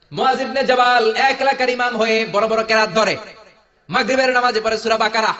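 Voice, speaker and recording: A man with a Bangladeshi Bengali accent preaching a sermon, jokey and animated, firing rhetorical questions at the crowd. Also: a little high. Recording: echoey hall, dull lo-fi sound.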